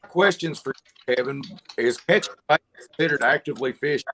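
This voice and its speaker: A man, a tournament angler, talking slowly and haltingly over a video call that keeps breaking up. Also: mid-range voice, fairly bright tone, slight background noise. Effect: on a video call with a breaking-up connection.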